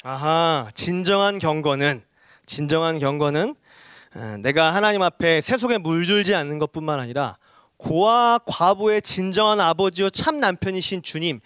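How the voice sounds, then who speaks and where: High-voiced Korean preacher calling for amens. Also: male voice, normal speed, fairly bright tone, smooth, no room sound, clean studio sound. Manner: keeps addressing the congregation and calling for amens; swells to high, emphatic exhortations. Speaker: missionary preacher. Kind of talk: sermon. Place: church hall.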